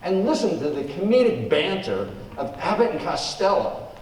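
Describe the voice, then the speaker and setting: Performing live in a studio for an audience, a man opens his show with a scripted, theatrical introduction and comic patter. His voice is a little high and very animated, at a moderate pace, and the stage recording is noisy, roomy, and captured from a distant mic.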